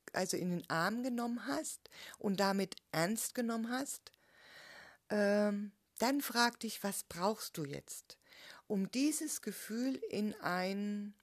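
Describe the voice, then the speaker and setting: A middle-aged woman coaches her listeners through a slow, soothing talk on personal growth. She speaks at a leisurely pace with a steady, mid-range voice. She hesitates often and keeps asking a soft "right?" to check in. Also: mid-range voice. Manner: gentle, unhurried, often checks in with a questioning "ja?"; frequent hesitations and soft trailing endings. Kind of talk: calm motivational teaching talk.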